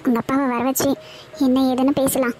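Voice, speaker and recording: A woman's voice: high-pitched, flat delivery, fairly quick, a little mellow, faint music behind, natural voice. A woman voicing a caring old grandmother in a cartoon, who speaks soothingly. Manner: soothing, reassuring.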